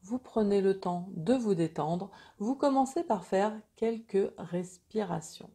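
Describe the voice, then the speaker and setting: A woman leads a guided meditation in a calm, gentle, soothing way, unhurried and with pauses. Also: medium pitch, slightly rough.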